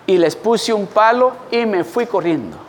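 A man preaching a sermon as pastor, an animated storyteller calling on the congregation to respond. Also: high voice, a little slow, long reverb tail, slight background noise.

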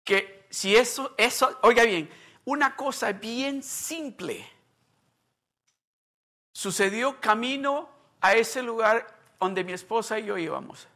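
Pastor, man in his fifties, high bright voice, sermon delivery that swings from hushed to loud. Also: lively intonation, slow. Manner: switches between quiet and loud preaching. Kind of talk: bilingual sermon.

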